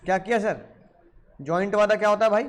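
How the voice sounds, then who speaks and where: Brief: middle-aged Indian male law teacher, higher voice, lively storytelling lecture style. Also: fast. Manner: animated storytelling with film examples, asks students questions.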